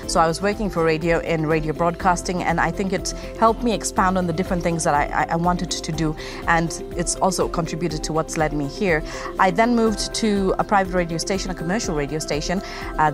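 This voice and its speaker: Out in a garden, a Kenyan company co-founder in her thirties gives a casual presentation to camera. She is relaxed and chatty, laughs easily and has a slightly low voice, with clear music playing behind her speech.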